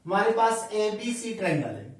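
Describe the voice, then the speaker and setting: A man teaching a maths class at the board, dictating each step slowly and spelling out angle letters, mixing in English terms. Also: high voice, sing-song. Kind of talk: blackboard lesson, dictating steps slowly. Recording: echoey room, voice from a distant mic.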